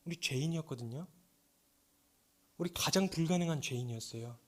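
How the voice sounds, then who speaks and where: A missionary preacher giving a sermon in a church, telling a personal story and moving between hushed confession and fervent pleading. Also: male voice, on the high side, brisk. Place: church sanctuary.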